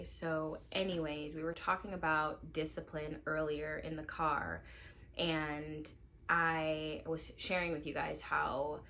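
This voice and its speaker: Low-voiced woman vlogging casually at home. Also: slight background noise. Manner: relaxed, chatty, lots of "like" fillers. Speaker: lifestyle vlogger and mom. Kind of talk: casual vlog chat to camera. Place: at home indoors.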